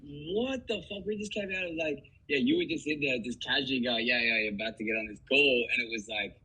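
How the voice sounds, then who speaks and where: A man chatting casually, animated and swearing, with stammering restarts. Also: medium pitch, fast, husky, rough recording. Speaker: videographer guest. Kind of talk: casual chat.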